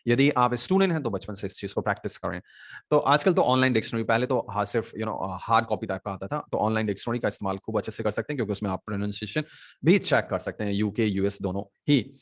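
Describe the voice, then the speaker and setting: A man with an Indian accent teaching an online English lesson in Hindi. He explains slowly, repeats example words, and keeps checking in with "है ना" and "ठीक". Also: on the low side.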